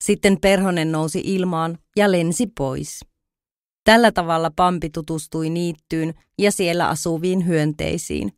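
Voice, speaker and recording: Lady reading a simple kids story aloud, lowish voice, clear and even, dry close sound. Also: no room sound. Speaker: audiobook reader. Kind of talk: easy-read storybook narration.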